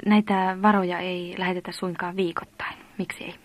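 A woman interviewing a guest, asking deliberate questions with slight stumbles. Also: fairly low pitch, flat delivery.

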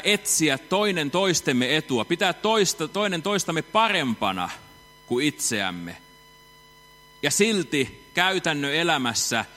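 A man preaching a sermon in a church hall, rhetorical and ironic, dropping to a hush and then rising loud. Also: mid-range voice. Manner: rhetorical, ironic, swinging between hushed and loud. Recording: reverberant hall.

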